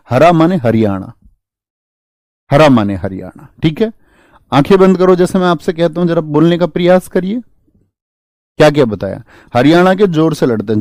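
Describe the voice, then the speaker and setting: Guy teaching exam prep in class, kinda high mellow voice, dry close sound, keeps asking the students stuff. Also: dry recording. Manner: emphatic, asks the class questions and drills memory tricks. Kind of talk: classroom lecture with mnemonics. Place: classroom with a board.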